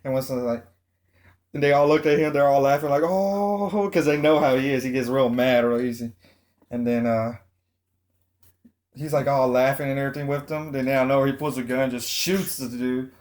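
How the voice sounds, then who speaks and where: A man's voice: medium pitch, little pitch movement, brisk, darkish tone. Rambling casual man chatting about movies. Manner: rambling, many fillers, laughs often. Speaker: co-host.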